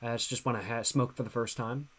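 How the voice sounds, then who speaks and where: A man's voice: mid-range voice, steady tone, fast talker, fairly bright tone. Tipsy guy in his 20s answering chat on stream, chill and slangy, says the same things over and over. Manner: laid-back, slangy, repeats phrases. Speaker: livestream host. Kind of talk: casual livestream chat reading viewer questions.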